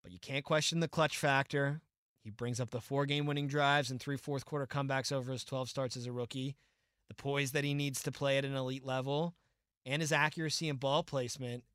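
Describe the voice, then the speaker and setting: Man, sports podcast co-host, animated and opinionated, mid-pitched voice, dry close sound. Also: dry recording. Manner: animated, opinionated, quick asides and mock quotes. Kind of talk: casual sports podcast chat.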